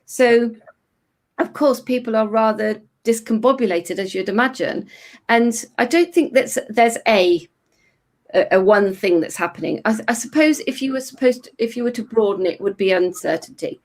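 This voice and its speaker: A croaky-voiced therapist, a middle-aged woman, answers as an interview guest with thoughtful explanations, sometimes restarting phrases. Her voice sits on the high side and her pace is moderate.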